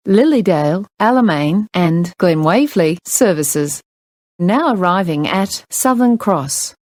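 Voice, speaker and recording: A woman reading scripted onboard train announcements in a measured, formal public-address manner. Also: medium pitch, darkish tone, no room sound.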